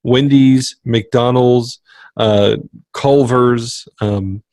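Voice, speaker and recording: A man's voice: mid-range voice, steady tone, very slow, darkish tone, no echo. A man co-hosting a podcast in casual chat, talking emphatically and circling back to repeat his motivational point. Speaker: podcast co-host.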